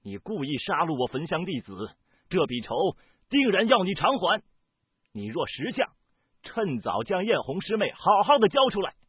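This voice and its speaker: A man doing a furious husky young swordsman. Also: sits high, sing-song, no echo, voice pushed up, full character voice. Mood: angry, threatening. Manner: loud, angry, fast shouting. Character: proud young righteous swordsman, hot-tempered and furious. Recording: dry, tinny phone-like sound.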